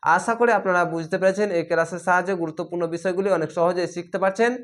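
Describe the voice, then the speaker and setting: A man teaching Quran reading in a recorded lesson. He spells words out letter by letter and draws the recited words out slowly. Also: high-pitched, steady tone. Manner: patient, repetitive instruction.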